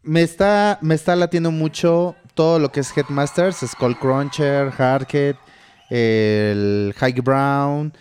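A man's voice: mid-range voice, slow, a little mellow, clear, resonant tone. A man with a Mexican accent co-hosting a podcast, chatting casually and slangily, dropping "güey" all the time. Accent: Mexican Spanish. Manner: slangy, laid-back, says "güey" constantly. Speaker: podcast co-host. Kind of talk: casual chat.

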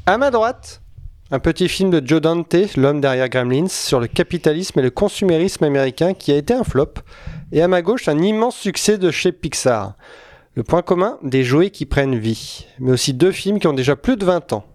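A man's voice: on the high side, lively intonation, moderate pace, a little mellow, dry recording. A man co-hosting a casual podcast, introducing a segment in a playful announcer manner. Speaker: podcast co-host.

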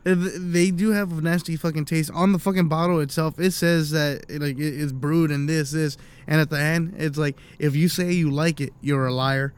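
A young man chatting casually in slangy, halting bro talk with plenty of swearing. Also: a little high, steady tone, smooth.

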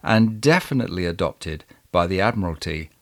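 Give me a low-voiced male podcast host reading historical texts with expressive, varied intonation. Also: moderate pace. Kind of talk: reading historical documents aloud.

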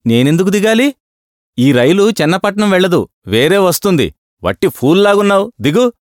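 A man's voice: high-pitched, big pitch swings, normal speed, no room sound, clean studio sound, voice pushed up. A man voicing a stubborn, mocking young male traveller in a storybook reading. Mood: defiant. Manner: defiant, mocking.

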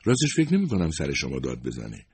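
A man's voice: extremely low pitch, wildly swooping pitch, a little mellow, slightly rough, exaggerated voice. A man voicing a humble, worried secretary in her fifties who talks hesitantly and apologetically. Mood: apologetic. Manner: hesitant, modest, self-excusing.

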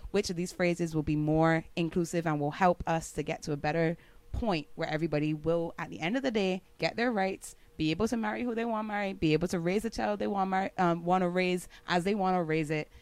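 A woman from Barbados with a Barbadian accent, a podcast guest explaining at length in casual conversation, often laughing and getting animated. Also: fairly low pitch, a little fast, no room sound.

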